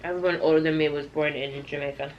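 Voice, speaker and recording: A woman with a slightly low voice tells stories in a casual, chatty vlog style. She speaks straight to her viewers in a conversational way, with faint noise behind her. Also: fairly even intonation, quick pace, highs cut off. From Toronto, Canada. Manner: conversational, addressing viewers directly. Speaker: YouTube vlogger. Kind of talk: casual chatty mukbang storytime.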